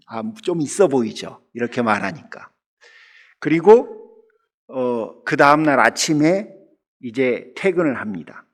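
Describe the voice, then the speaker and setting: A middle-aged man from the Jeolla region of Korea delivers a Sunday sermon in a church. He sits a little high for a man and rides a very animated pitch line. He talks to the congregation directly and loosens them up with jokes. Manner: humorous, conversational preaching that keeps addressing the congregation. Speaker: pastor. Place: church sanctuary.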